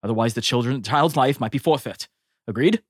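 A man's voice: mid-range voice, brisk, slightly rough, dry recording, studio quality, close to an everyday voice. A man voicing an earnest male warrior in plate armor who speaks formally in a tabletop role-play game. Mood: urging. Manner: formal, steady and urging.

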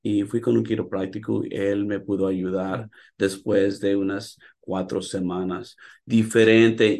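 A man's voice: lowish voice, vocal fry, a little mellow. A middle-aged man from California who grew up in Houston, a chiropractor guest speaking hesitantly with many fillers. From born in California, raised in Houston. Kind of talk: radio interview in Spanish.

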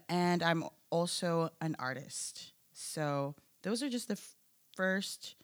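Slow-speaking woman, low voice. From Philippines. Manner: thoughtful, listing things slowly. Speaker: podcast guest, photographer. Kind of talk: casual interview conversation.

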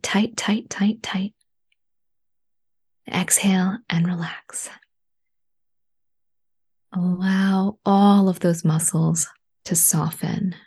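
Slow, breathy woman in soft spa whisper. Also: lowish voice. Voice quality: breathy, hushed. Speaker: guided relaxation instructor. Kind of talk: guided meditation in a soft, whispery voice.

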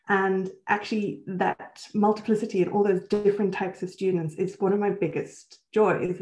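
A woman guest from South Africa and Switzerland speaks reflectively about her work, with a soft laugh now and then. Her voice is dark and mellow. She sounds a little roomy, as over a video call. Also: medium pitch. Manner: warm, reflective, laughs easily. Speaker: guest, senior lecturer in applied theatre. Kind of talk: conversational interview answers. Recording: roomy echo.

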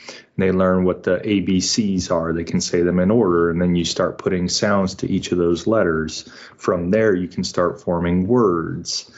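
A man in his forties, a homeschooling father, explaining methodically in an interview, checking in with "right?" and filling pauses with "uh". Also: low-pitched, fairly even intonation, a little mellow. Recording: muffled lo-fi audio.

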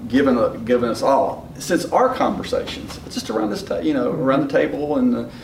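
A middle-aged man with a West Virginia Appalachian accent, talking in a halting, folksy, reflective way as he searches for words. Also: big pitch swings, gravelly. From West Virginia, United States. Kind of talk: casual reflective discussion. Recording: echoey room, distant mic, background rumble.

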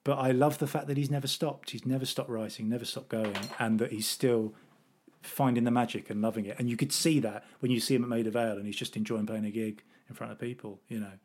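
A middle-aged man from England chats on a podcast with eager, rambling enthusiasm. He keeps restarting his sentences as the stories pour out, and his voice sits at an ordinary mid pitch. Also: fairly even intonation, fast talker, a little mellow. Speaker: podcast co-host. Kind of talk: casual chat.

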